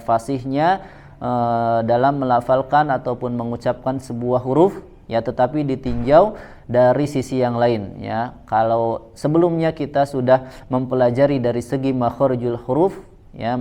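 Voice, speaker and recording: A man teaching a Quranic recitation lesson to a congregation, speaking in a measured way and tagging nearly every phrase with a soft "ya". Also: medium pitch.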